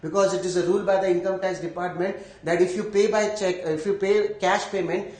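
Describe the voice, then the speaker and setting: A male lecturer with an Indian accent speaks in a high-pitched voice. He explains step by step, repeating key phrases and asking if the class follows. The sound is echoey, as in a reverberant room. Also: fairly even intonation, a little fast, darkish tone. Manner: repeats phrases and checks understanding with questions. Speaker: accounting lecturer.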